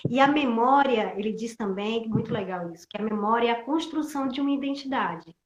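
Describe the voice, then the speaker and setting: A middle-aged guest actress and theatre teacher from Pernambuco, Brazil, speaks reflectively on a live video call, often searching for words. Her voice is on the high side and brisk, captured by a computer mic in a reverberant, muffled recording with a little hiss or hum.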